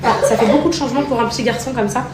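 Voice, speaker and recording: A woman with a fairly high, racing voice talks tenderly to her children, heaping pet names on them, then slips into casual vlog chat with her followers, calling them girls. She's a mother and vlogger, recorded from a distance in a roomy, noisy space.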